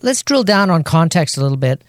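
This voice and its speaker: A man's voice: a little high, sing-song, a little fast, no echo, clean studio sound. A man hosting a podcast interview, talking casually with a few hesitations. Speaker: podcast host.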